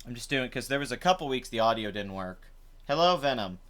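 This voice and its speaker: Host type: young guy, chatty and rambling, voice rough from the night before, resonant tone. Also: medium pitch, lively intonation, brisk, a bit bright. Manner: rambling, chatty, many fillers. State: rough voice after drinking. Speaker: live stream host. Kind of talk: casual live stream commentary. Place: home.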